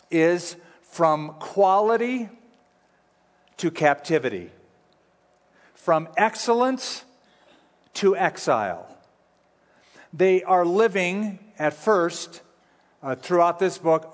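A pastor preaching at a pulpit microphone in a church sanctuary, teaching in a conversational, folksy way with light humor. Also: male voice, sits high. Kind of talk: sermon teaching. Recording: long reverb of a large hall.

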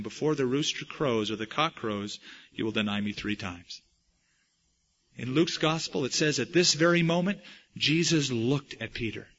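A man preaching a sermon, dramatically acting out the quoted lines with big swings in loudness. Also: medium pitch, dull audio. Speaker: pastor.

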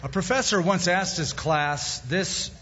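A man's voice: high voice, a little slow, bright, forceful tone, slight background noise. A man preaching a sermon as pastor at a pulpit microphone in a church sanctuary, talking in a conversational way with plain-spoken asides. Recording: echoey hall, dull lo-fi sound.

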